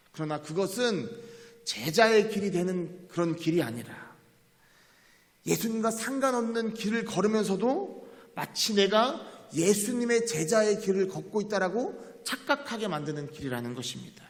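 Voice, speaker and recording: High-voiced male pastor preaching in a reverberant church. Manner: earnest preaching with rhetorical questions to the congregation. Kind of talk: sermon. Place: church sanctuary. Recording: long reverb of a church hall.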